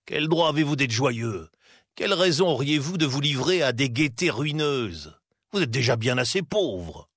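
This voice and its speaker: A man's voice: mid-range voice, big pitch swings, moderate pace, a bit bright, no room sound, clean studio sound, voice pushed up. A man voicing a stingy, bitter old miser who speaks in scornful, indignant outbursts.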